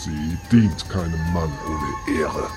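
A man voicing an honor-bound masked alien warrior who talks in short, broken phrases. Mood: stern. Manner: broken clipped speech, slow and deep. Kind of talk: audiobook character voice. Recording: read over loud background music.

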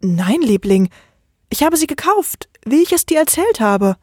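A woman voicing a sweet young wife, talking in a raised, earnest, somewhat husky voice. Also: on the high side, expressive, moderate pace, darkish tone, dry recording, clean studio sound. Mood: pleading.

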